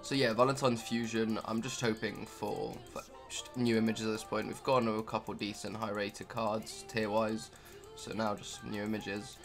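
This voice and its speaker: A man's voice: on the low side, level tone, normal speed, faint music behind. A young man giving casual, rambling commentary over his card-game footage, full of ums and offhand remarks. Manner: rambling, filler-heavy, offhand. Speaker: gaming YouTuber.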